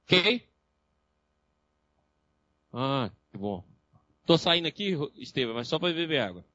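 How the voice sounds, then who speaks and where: A lecturer with a Brazilian Portuguese accent teaches a live class in a high, bright voice. He tells lively stories and acts out his patients' voices along the way. The recording is dry and a little dull. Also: takes it slowly.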